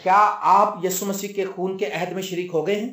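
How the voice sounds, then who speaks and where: A man's voice: sits high, steady tone, fairly bright tone, echoey room. A male pastor preaching a sermon, telling the story and acting out the dialogue. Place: church.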